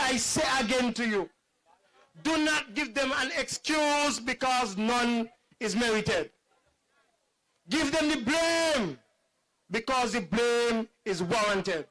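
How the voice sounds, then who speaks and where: A man's voice: very high-pitched, sharp tone. A man with a Kittitian accent giving a fiery campaign speech at an outdoor rally, rousing and repetitive, calling out to the crowd. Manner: rousing, repeats phrases, calls to the crowd. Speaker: political rally speaker.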